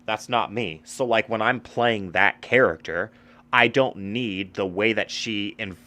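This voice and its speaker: A man's voice: on the low side, unhurried, sharp tone. A man chatting casually about video games as a streamer, swearing often and rambling with lots of fillers. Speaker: gaming streamer. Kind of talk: casual gaming chat.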